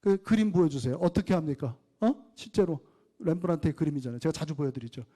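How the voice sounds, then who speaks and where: A man's voice: on the high side, quick pace. A middle-aged male pastor preaching a sermon, asking the congregation questions and acting out dialogue. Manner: animated, acts out biblical dialogue, asks the congregation questions.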